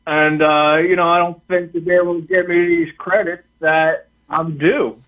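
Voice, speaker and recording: A man's voice: a little high, steady tone. Older man calling in over a phone. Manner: hesitant, halting with many fillers. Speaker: caller. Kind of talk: call-in radio talk. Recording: tinny distant phone line.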